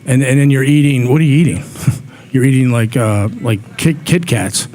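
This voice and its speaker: Speaking at a normal speed, a man with a medium-pitched, slightly mellow voice is interviewed on a talk show. He talks sincerely about community aid, repeating words as he thinks. Some faint noise sits in the background.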